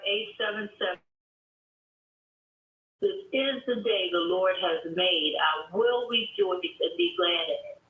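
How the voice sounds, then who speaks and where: A woman's voice: mid-range voice, a bit bright. A woman's recorded voicemail greeting, heard over a landline phone, cheerful and offering a religious blessing. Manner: cheerful, faith-filled blessing. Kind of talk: recorded answering-machine greeting. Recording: distant echoey phone line with faint hiss.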